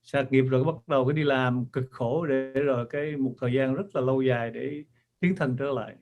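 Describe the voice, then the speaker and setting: A man's voice: medium pitch, brisk, lo-fi sound, faint music behind. A man speaking earnestly to an audience as author and teacher, repeating himself for emphasis. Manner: earnest, repetitive. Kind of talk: talk to an audience.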